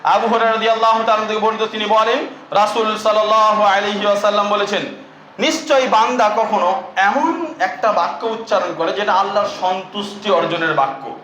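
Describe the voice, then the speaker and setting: A male preacher with a West Bengal Bengali accent delivers an emphatic sermon in a very high voice. He slows down for recited Arabic verses. The recording carries the echo of a hall and a faint background hiss. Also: sharp tone. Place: mosque or religious gathering hall. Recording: echoey hall, faint noise.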